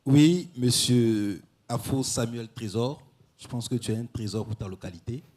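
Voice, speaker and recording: A man's voice: mid-range voice, moderate pace, a little mellow. Man giving direct jury advice. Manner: direct, advising, says "voilà" often. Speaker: jury member. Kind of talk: spoken critique of a performance.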